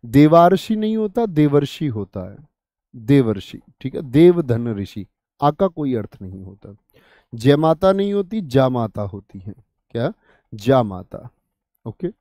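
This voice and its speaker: A man's voice: on the high side, mellow, no echo. Dry-voiced male Hindi teacher quizzing students. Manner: asks questions and answers them himself, repeats answers; addresses students familiarly, 'bhai sahab', 'dost'. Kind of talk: online exam-prep lesson.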